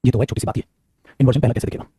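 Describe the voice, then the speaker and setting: A male teacher giving an animated grammar lecture to students, talking fast and calling them beta. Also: medium pitch, slightly rough, dry recording.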